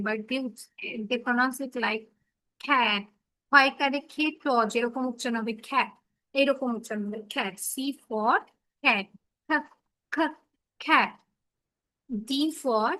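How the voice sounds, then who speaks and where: Woman teacher, online kids' phonics class, high clear voice, dry close sound on a laptop mic. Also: bright, forceful tone, no echo, poor audio. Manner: slow, repeats letter sounds for kids to copy. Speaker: English teacher for children. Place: home, on a laptop video call.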